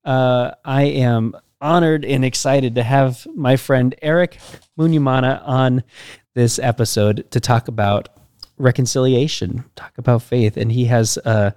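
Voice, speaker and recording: A man hosting a church podcast interview, upbeat and a little halting, with fillers and restarts. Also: medium pitch, fairly even intonation, darkish tone, clear, resonant tone, no room sound, studio quality. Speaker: podcast host.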